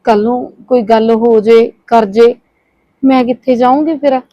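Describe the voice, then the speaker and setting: A woman, playing a young newly married bride who talks softly and anxiously. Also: a little high, fairly even intonation, normal speed, no echo, muffled recording, lightly acted. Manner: soft, pleading and worried. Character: young new bride, anxious and put-upon. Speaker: actor. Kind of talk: village short-film acting.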